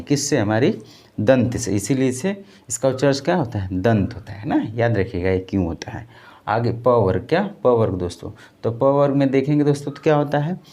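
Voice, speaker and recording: A man's voice: medium pitch, darkish tone. A man teaching an exam-prep lecture, repeating key terms and asking them back to his students as questions. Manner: drills by call and answer, addressing viewers as friends.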